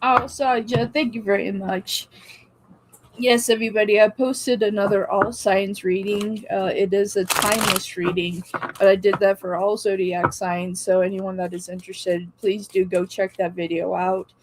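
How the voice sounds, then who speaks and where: A woman's voice: medium pitch, flat delivery, normal speed, background noise. A woman hosting a live tarot stream, chatting casually, greeting viewers by name and laughing often. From Oregon.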